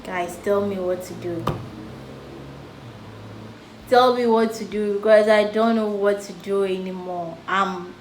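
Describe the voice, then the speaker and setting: A woman's voice: medium pitch, fairly even intonation, unhurried, long pauses. A young woman with a Ghanaian English accent telling a storytime vlog in a chatty way, laughing off serious things. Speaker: vlogger. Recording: echoey room with faint background noise.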